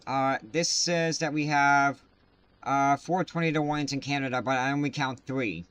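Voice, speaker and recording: A man hosting live severe weather coverage, talking casually and haltingly with many filler sounds at a desk mic. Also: medium pitch, fairly even intonation, a bit bright, clear, resonant tone, no room sound. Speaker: livestream weather host.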